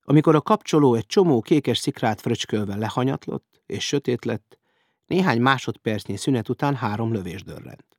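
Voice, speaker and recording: A male narrator reads a crime story aloud with a husky, slightly breathy voice. His delivery is dramatic and vivid, and the recording is close and dry. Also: mid-range voice, animated, a little mellow, no echo. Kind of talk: audiobook reading.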